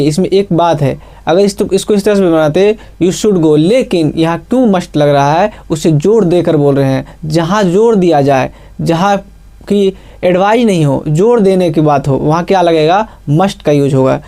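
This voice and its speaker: A man's voice: sits high, mellow. A man teaching a grammar lesson, explaining step by step and asking himself questions before he answers them. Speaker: English teacher.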